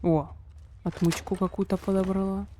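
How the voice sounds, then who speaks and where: A woman's voice: medium pitch, level tone, moderate pace, mellow, slight background noise. A woman live-streaming a game, chatting casually and informally as she plays and reacts. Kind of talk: casual live-stream chat while gaming.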